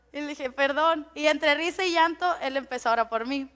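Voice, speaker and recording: A woman's voice: high-pitched, fairly bright tone. A middle-aged woman pastor, telling a personal story in a chatty sermon, laughing often and tripping over her words.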